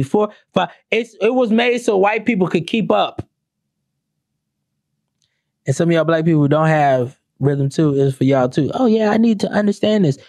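A young adult man ranting comedically to camera, profane and animated, breaking into mock-sung lyrics. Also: on the high side, no echo, clean studio sound. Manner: animated, profane, sings song lyrics mockingly. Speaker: commentator.

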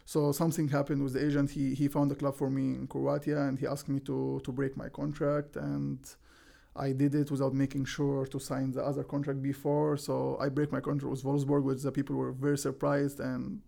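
Egyptian-accented young pro athlete, flat, gravelly delivery, earnest and simple interview answers. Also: male voice, mid-range voice, fairly quick. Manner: plain, earnest, simple non-native phrasing with restarts. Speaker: guest, professional soccer defender.

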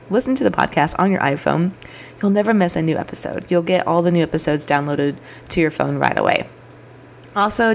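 A woman in her thirties hosts her own podcast, delivering an upbeat, chatty solo monologue. Her voice is low with vocal fry, and her throat sounds a little scratchy and froggy.

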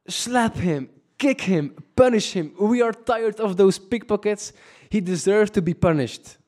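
A man's voice: high-pitched, a little slow, voice pushed up. A Flemish man voicing a crowd of angry local bar-goers in a raised, indignant tone. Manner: raised, indignant shouting in English.

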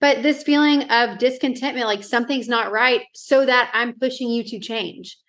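Earnest young woman, slightly high voice. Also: normal speed, a bit bright. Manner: earnest, frequent "like" fillers. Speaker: podcast co-host. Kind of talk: casual faith chat.

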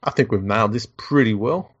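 Australian male podcast co-host, fairly low voice, laconic slangy drawl, relaxed chat, dull lo-fi sound. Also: a little fast.

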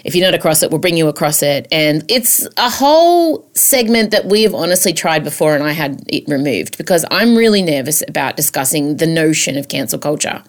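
A woman's voice: deep voice, lively intonation, a little fast, hardly any pauses. An Australian woman hosting a comedic podcast as a chatty monologue, campy, theatrical and self-mocking, with the odd swear word.

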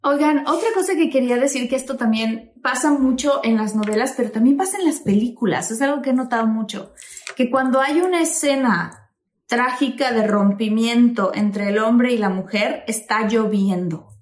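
A woman with a Mexican accent co-hosting a casual podcast chat, chatty with quick reactions. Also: a little high, echoey room. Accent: Mexican Spanish.

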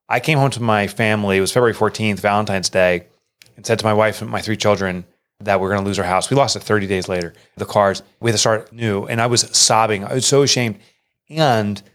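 A middle-aged man, both an author and an entrepreneur, tells a personal story in an interview. He comes across as earnest and emotional, his pitch rising sharply when he quotes people.

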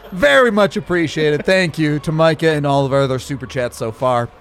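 A man's voice: fairly high pitch, moderate pace, a faint crowd, a little hiss or hum. A man hosting a sports podcast with a sore throat, chatting casually and laughing a lot. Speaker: podcast host.

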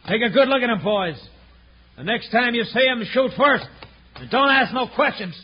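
An actor playing a menacing, hot-tempered rancher in a 1950s radio western. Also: male voice, fairly high pitch, brisk. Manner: gruff, threatening. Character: menacing rancher villain, threatening, quick to rage. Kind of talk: 1950s radio drama acting. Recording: dull, noisy old radio recording.

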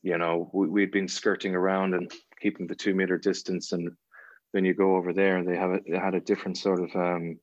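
A man with an Irish accent, an actor talking in a relaxed podcast interview, rambling with many restarts and fillers. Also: sits low, brisk, dry recording, lo-fi sound. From Ireland. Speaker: actor guest.

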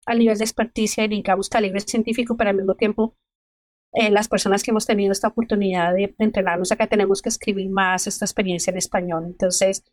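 A middle-aged woman with a Colombian accent, a medical geneticist answering interview questions in an earnest, measured way. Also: medium pitch, fairly even intonation, no echo, studio quality. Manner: earnest, measured advice-giving. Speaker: medical geneticist, podcast guest.

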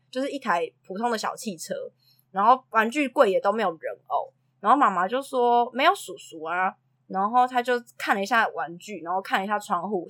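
A woman, a preschool teacher telling anecdotes in a casual chat and acting out the quotes. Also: medium pitch. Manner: animated storyteller who acts out quotes and laughs often. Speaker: preschool teacher and podcast co-host.

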